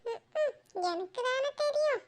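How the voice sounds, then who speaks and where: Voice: extremely high pitch, unhurried, bright, forceful tone, exaggerated voice. A voice actor playing a cartoon schoolboy who frets about his exam results, with worried muttering asides. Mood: bluffing. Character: anxious schoolboy fretting over exam results. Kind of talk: cartoon voice acting.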